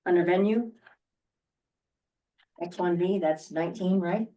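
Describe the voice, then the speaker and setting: A woman at a public board meeting who asks questions in a hesitant, halting way. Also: fairly low pitch, dark tone, lo-fi sound. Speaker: board member. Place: meeting room. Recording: distant meeting-room mic.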